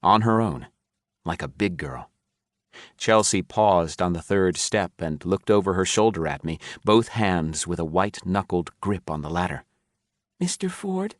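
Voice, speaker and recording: A man's voice: sits low, normal speed, few pauses, no echo, clean studio sound. A man narrating a first-person audiobook in a wry, self-mocking storytelling manner.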